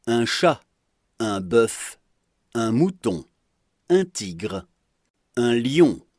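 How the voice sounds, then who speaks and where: A man's voice: medium pitch, sing-song, drawn-out words, darkish tone, no room sound, clean studio sound. A man narrating a French lesson, reading example phrases aloud with careful pronunciation. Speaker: French teacher. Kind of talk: slow scripted lesson narration.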